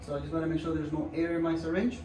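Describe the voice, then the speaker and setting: Racing along in a level tone, a high-pitched male doctor casually talks a patient and viewers through a hand procedure. He's reassuring and repeats himself as he shows each step. Captured from afar in an echoey clinic room, the audio carries background noise.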